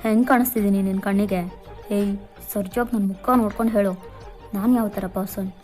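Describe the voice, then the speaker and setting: A woman's voice: medium pitch, fairly even intonation, brisk, a little mellow, soft background music, close to an everyday voice. Woman voicing a brash, taunting college guy. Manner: taunting, rough. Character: brash cocky young man, college bully.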